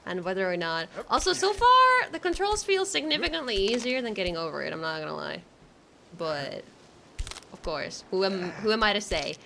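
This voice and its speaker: A woman doing casual live game commentary for her stream chat, excitable and nervous, with giggles and exclamations. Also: mid-range voice, vocal fry, a little hiss or hum.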